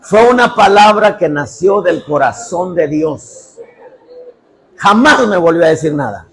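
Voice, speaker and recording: A man preaching a sermon as pastor, acting out dialogues and bursting into shouts. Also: high-pitched, expressive, unhurried.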